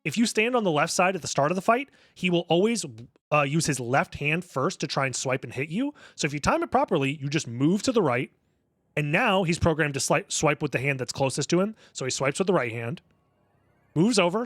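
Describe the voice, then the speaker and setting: A man's voice: a little high, animated, fairly quick, fairly bright tone, dry recording, clean studio sound. A man giving casual speedrunner commentary, explaining his play analytically, step by step. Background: music under the voice.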